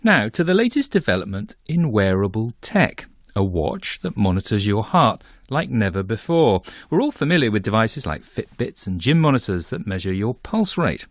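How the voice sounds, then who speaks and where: A low-voiced man hosts a radio health program, moving briskly between questions and links. The sound is dry and close, with no room in it. He keeps a conversational tone. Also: very animated, no echo. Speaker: radio health show presenter. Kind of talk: radio presenting and interviewing.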